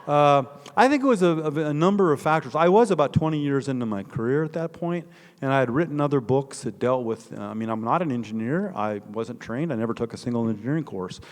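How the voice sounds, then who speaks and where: Talking fast and expressively in a mid-range voice, an older author from northeastern Indiana tells stories in response to an audience question, his Midwestern accent clear. He's emphatic and wanders off on tangents. Long reverb fills the big indoor hall where he's giving his talk.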